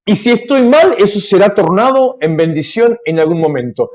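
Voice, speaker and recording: A middle-aged male pastor, preaching an emphatic, animated live devotional sermon with asides. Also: high voice, normal speed. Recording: dull lo-fi livestream audio.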